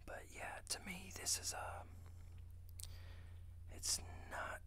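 An American man whispers close to the microphone in an ASMR style. His delivery is very slow and informal, like an unhurried product review for listeners at home. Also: bright, forceful tone. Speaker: fragrance reviewer and ASMR host. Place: small indoor room with shelves of bottles. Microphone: close desktop condenser microphone.

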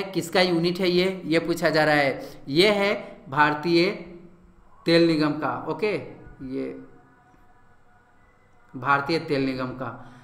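A man with a slightly hoarse, sore throat goes through exam quiz answers, repeating himself and filling pauses as he explains. His voice is bright and sharp. The recording carries a noticeable echo from the room. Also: on the high side. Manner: repetitive, filler-heavy explaining, frequent "okay". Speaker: exam coaching teacher.

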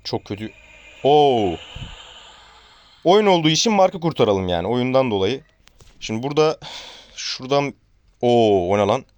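A man's voice: medium pitch, lively intonation, normal speed, pauses often, clean tone. A man playing a horror game on his channel, chatting with viewers and reacting to the scares. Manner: chatty, joking, addresses viewers as friends; shouts and pleads at a game character. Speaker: gaming YouTuber.

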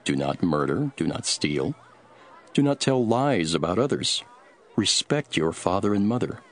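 Low, expressive Jesus teaching solemnly. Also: male voice, full character voice. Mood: firm teaching. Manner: solemn, measured storytelling. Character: Jesus, solemn male teacher telling parables. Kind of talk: dramatised scripture reading.

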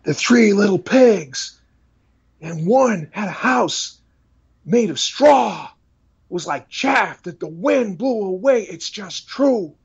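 A man putting on a high, fervent preacher. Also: lively intonation, takes it slowly, creaky, husky, muffled recording, exaggerated voice.

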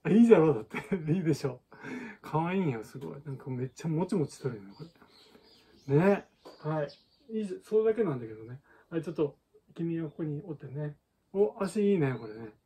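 A man's voice: a little high, animated, fast, dark tone, husky. A man teaching balloon art in a chatty, casual way and laughing often. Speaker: balloon artist. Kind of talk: casual tutorial chat.

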